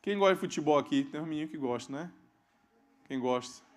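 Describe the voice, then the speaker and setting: A man preaching a sermon as pastor, asking questions of the congregation and swinging between loud emphasis and quiet asides. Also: fairly high pitch, brisk. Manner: calls out questions to the congregation and waits for amens. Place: church hall.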